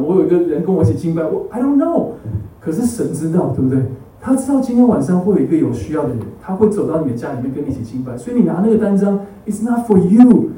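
In a high voice with a dark tone, a man preaches a sermon built around his personal testimony. He keeps asking the congregation to agree and tosses English words into his talk. The mic sits far off in an echoey hall.

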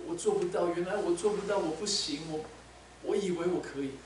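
A preacher voicing an ashamed, broken disciple. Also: male voice, sits high, a little hiss or hum, close to an everyday voice. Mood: ashamed, quiet. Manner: halting, confessional, breaking off mid-phrase. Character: ashamed, broken male disciple pleading with his lord. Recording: echoey hall, mic at a distance.

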